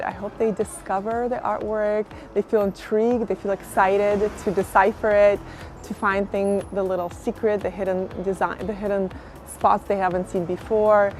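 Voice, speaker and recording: A woman's voice: mid-range voice, fairly even intonation, normal speed, darkish tone, soft background music. A woman from Kazakhstan, an artist, talking reflectively about her work in an interview, with many "sort of" and "like" fillers. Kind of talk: interview monologue.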